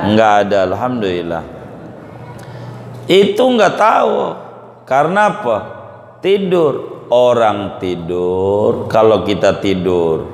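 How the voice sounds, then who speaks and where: Betawi guy teaching islamic law, jokey asides, talks real slow, big echoey hall. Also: lowish voice. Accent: Betawi Jakarta. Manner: folksy joking asides to the audience. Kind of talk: religious study lecture. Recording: echoey hall with faint room noise.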